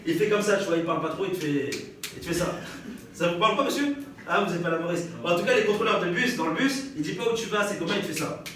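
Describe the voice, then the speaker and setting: A young stand-up comedian with a French accent tells stories on a live stage, bantering with the audience and laughing often. His voice sits high, with lively intonation, and he talks fast. The distant mic picks up an echoey room full of audience noise.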